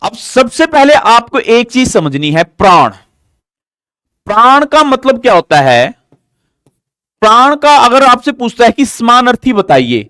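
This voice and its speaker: A man's voice: clean tone, no room sound, clean studio sound. A man teaching a live online grammar lesson, explaining step by step and asking questions that he answers himself. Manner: asks questions and answers them himself, drilling; slow, deliberate explaining with an animated pitch.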